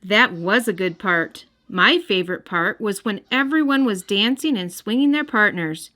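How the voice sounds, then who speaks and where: A woman with a medium-pitched, sharp-toned voice speaks at normal speed while hosting a read-aloud for kids. She narrates the storybook expressively and speaks right to the young listeners, accompanied by background music.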